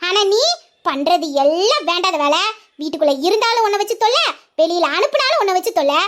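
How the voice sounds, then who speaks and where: A woman's voice: extremely high pitch, lively intonation, fast talker, a bit bright. A woman voicing a doting, fussy old grandmother who coos and scolds. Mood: scolding. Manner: cooing, then nagging.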